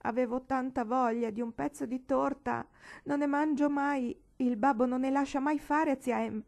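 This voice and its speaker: A woman's voice: high-pitched, fairly even intonation, moderate pace, vocal fry, darkish tone, pitched above the performer's own voice. A woman reading aloud, voicing a proud, pious young girl who scolds sharply and sulks. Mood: tearful.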